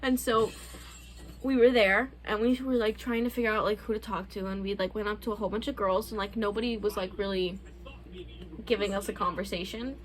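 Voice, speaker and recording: A woman's voice: mid-range voice, steady tone, a little fast, low-quality recording. A young adult woman hosting a casual couple's Q&A vlog, chatting candidly with loose, profane phrasing. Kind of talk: casual chat.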